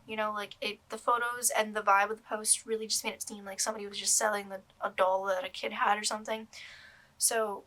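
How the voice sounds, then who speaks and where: A young woman with a bright, slightly high voice talks through a disappointing purchase in a loose, rambling way. She hedges and restarts often, filling pauses with ums and likes, like a casual chat with viewers. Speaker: doll collector vlogger. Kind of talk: casual vlog review.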